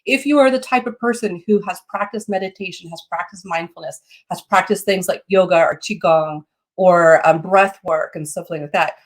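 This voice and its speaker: A woman with a slightly low voice teaches in an informal, explanatory way. Her phrasing is halting, and she checks in with short tags as she explains. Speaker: teacher of meditation and psychic development. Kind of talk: informal live lesson, explanatory.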